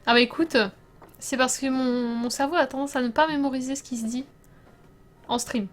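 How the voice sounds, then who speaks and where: A young woman streaming a game, chatting casually with her viewers, laughing often and sometimes breaking into loud startled outbursts. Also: sits high, fairly even intonation, moderate pace. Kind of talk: casual let's play commentary.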